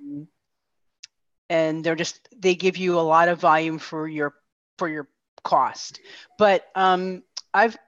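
A middle-aged woman talks casually over a video call, her lowish voice friendly and full of fillers. The headset audio sounds muffled and dry. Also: fairly even intonation, slow pace, pauses often, fairly bright tone, dry recording. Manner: chatty, friendly, filler-heavy. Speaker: co-host. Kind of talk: casual chat. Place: home room.

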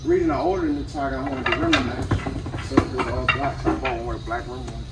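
Talking loosely to camera outside a house, a man who runs a junk removal business speaks fast in a steady, mid-range voice, full of fillers and slang. It's casual vlog talk, and the recording is very noisy.

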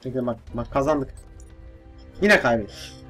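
A young man giving casual let's-play commentary, excitable and swearing, with frustrated outbursts. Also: medium pitch, normal speed, faint music behind. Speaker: gaming YouTuber.

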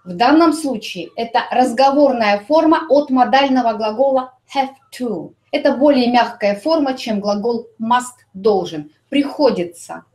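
A woman teaching an English grammar lesson, explaining slowly and repeating English example sentences. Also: on the high side, darkish tone.

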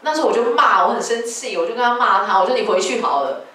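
A woman who directs a dance company gives a public talk, telling stories in a lively, animated way. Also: on the high side, fast. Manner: lively storytelling, animated retellings of quarrels. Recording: echoey hall from far off, faint noise.

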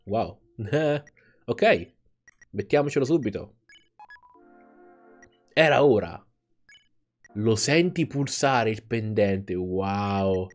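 A man hosting a let's play, giving gaming commentary with animated reactions and laughter. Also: fairly low pitch, extremely slow, long pauses, soft background music.

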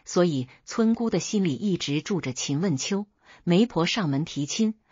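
A woman narrating folk tales as a storyteller, in a steady, even reading. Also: lowish voice, moderate pace, slightly rough, no room sound. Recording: dull dry recording.

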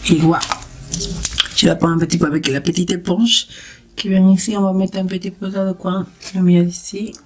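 A woman's voice: on the low side, level tone, moderate pace, a little hiss or hum. A woman with a Spanish accent, a beauty vlogger chatting playfully through a makeup tutorial with cheerful exclamations.

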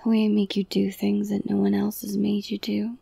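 A young woman whispering an intimate ASMR roleplay, slow and soothing, softly domineering and coaxing. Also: medium pitch, monotone, gravelly, slightly rough, dry recording. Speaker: audio roleplay performer.

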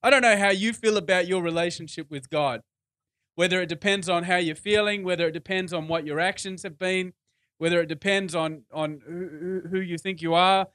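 A man's voice: high-pitched, steady tone, a little fast, a bit bright. A man preaching a sermon in church, conversational, repeating phrases for emphasis. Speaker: pastor.

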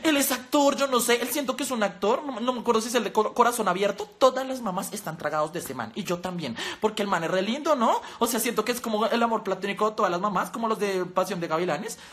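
A young woman with a Colombian accent doing a casual reaction commentary, chatty and teasing, full of slang and quick laughs. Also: mid-range voice. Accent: Colombian Spanish. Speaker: youtuber.

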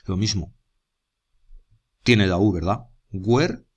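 A man's voice: lowish voice, animated, moderate pace. A man with a Spanish accent from Spain, teaching a grammar lesson step by step and stopping often to check that his students follow. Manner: explains step by step, checks in with students, writes while talking.

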